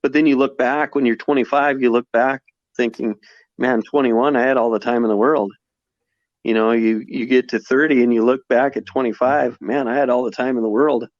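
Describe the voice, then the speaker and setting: A man in his forties talks reflectively as a podcast guest, often restarting his sentences. His voice sits in an ordinary middle pitch. The sound is dry and slightly dull, like a modest podcast recording. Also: steady tone, moderate pace, no room sound. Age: 40s. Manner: reflective, many restarts and fillers. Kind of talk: casual conversation.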